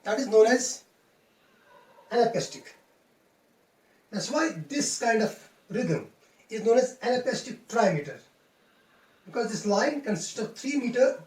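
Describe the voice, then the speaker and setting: A woman lectures on poetry like a classroom teacher. She explains methodically and often restates a point in plainer words. Her voice sits at a middle pitch and sounds roomy, picked up from some distance away. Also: warm tone. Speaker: English teacher.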